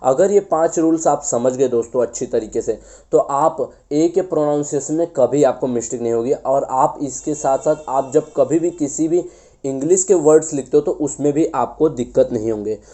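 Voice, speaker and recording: A man's voice: mid-range voice, warm tone. Hindi-speaking man teaching English pronunciation. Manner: addresses viewers as friends, repeats answers to his own questions; slows down to spell out words. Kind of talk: classroom-style lesson.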